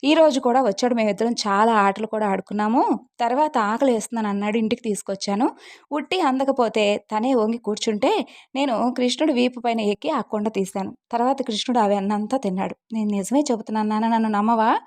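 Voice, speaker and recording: A woman's voice: fairly high pitch, fairly quick, a little mellow, close to an everyday voice. A woman voicing an innocent devoted little girl. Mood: earnest.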